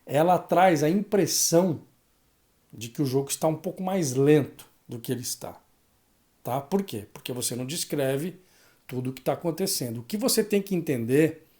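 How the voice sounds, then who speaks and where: A man's voice: a little high, warm tone. A man from Brazil, a sports narration teacher, giving a casual spoken lesson and checking in with the listener through frequent tag questions.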